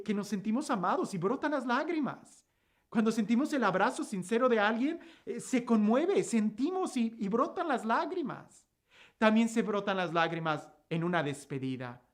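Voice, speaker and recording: A woman delivers a gospel reflection in sermon style, at a middle pitch. She works through repeated rhetorical questions and moves from emphatic lines down to soft, hushed ones. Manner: rhetorical questions, repetitive phrasing, swings between emphatic and hushed. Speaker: preacher giving a gospel reflection.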